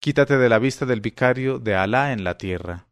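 A man voicing a young man who believes he is the caliph, shouting indignant commands. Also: mid-range voice, moderate pace, clear, resonant tone, no room sound, clean studio sound, natural voice. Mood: imperious shouting.

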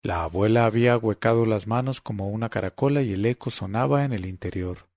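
A man reading a literary story aloud in a measured, deliberate way. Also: fairly low pitch, a little mellow, no room sound, studio quality. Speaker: narrator. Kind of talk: literary audiobook narration.

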